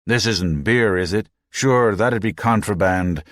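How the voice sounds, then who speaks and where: A man's voice: fairly low pitch, a little slow, a bit bright, no room sound, studio quality. A man voicing a wry, drawling male space worker in an audiobook.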